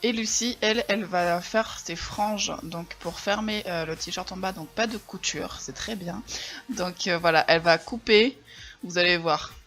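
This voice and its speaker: A woman co-hosting a craft video, explaining each step in a relaxed way, with fillers. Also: fairly low pitch, a little slow, faint music behind. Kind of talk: casual tutorial explanation.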